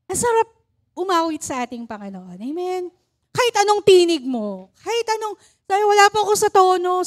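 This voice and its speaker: Filipino lady preacher, high voice, chatty and laughing, keeps asking amen. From Philippines. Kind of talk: Taglish sermon.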